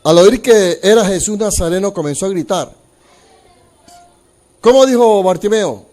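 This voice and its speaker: A man's voice: sits high, measured pace, mellow, faint music behind. A male pastor preaching a sermon, emphatic and dramatic, acting out the people in the story and often repeating words as he goes.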